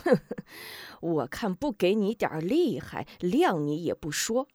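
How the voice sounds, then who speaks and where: A woman's voice: on the low side, animated, unhurried, darkish tone, no room sound, studio quality. A woman voicing a fierce old beggar woman, a martial heroine who questions sternly and commands. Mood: stern, angry.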